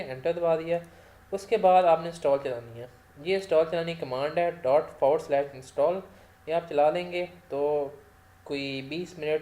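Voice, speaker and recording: A male lecturer with a sore throat who coughs now and then, giving a casual software tutorial. He rambles, often corrects himself and mixes in English technical terms. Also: a little high. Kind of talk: screen-recorded software tutorial.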